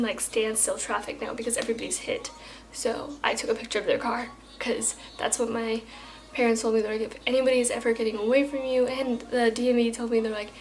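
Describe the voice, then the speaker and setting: A woman's voice: fairly high pitch, low-quality recording. Chatty young woman telling a story. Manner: chatty, animated retelling with lots of fillers. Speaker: vlogger. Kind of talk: casual storytime vlog.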